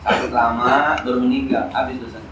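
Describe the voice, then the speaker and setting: A man's voice: mid-range voice, steady tone, a little fast. Man teaching in echoey mosque. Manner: casual, joking, slangy teaching. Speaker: Islamic teacher. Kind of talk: mosque study lecture. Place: mosque hall. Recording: echoey hall, distant mic, faint noise.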